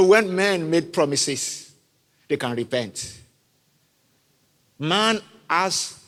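A man's voice: fairly high pitch, a bit bright. A man preaching a sermon in a large church hall, repeating his key phrases emphatically and calling the congregation to respond. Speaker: pastor. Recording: echoey hall with faint music.

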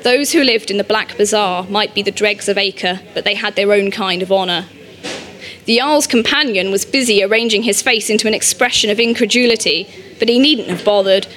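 A woman reading an audiobook, narrating in a measured, steady storytelling manner. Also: medium pitch.

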